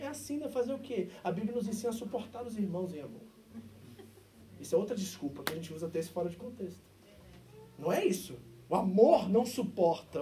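A man with a Brazilian accent preaching a sermon as pastor, moving between loud, emphatic stretches and quiet, intimate asides. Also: high voice, recorded from a distance, a little hiss or hum. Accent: Brazilian Portuguese. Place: church service.

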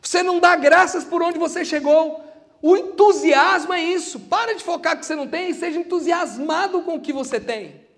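A man with a strikingly high voice and a Brazilian Portuguese accent delivers a sermon. He preaches with animation, acting out the Bible figures in their own voices as he speaks. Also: a little fast, fairly bright tone, big-room sound.

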